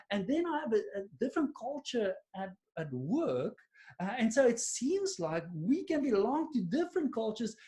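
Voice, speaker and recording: Here the webinar presenter, an Afrikaans-accented South African man on a video call, has a slightly high voice with a darkish tone. Talking to a silent audience, he stays chatty and self-deprecating, with frequent fillers and restarts.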